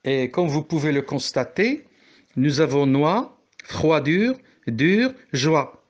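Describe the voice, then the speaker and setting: A man's voice: on the high side, lively intonation, slow pace, highs cut off. A man from Morocco teaching a French poetry lesson, explaining step by step and correcting himself as he goes.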